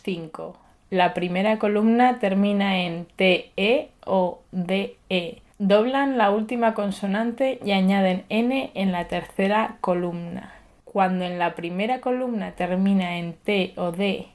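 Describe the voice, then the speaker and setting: Very slow woman reading word lists. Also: on the low side. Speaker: language teacher. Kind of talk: scripted audiobook narration.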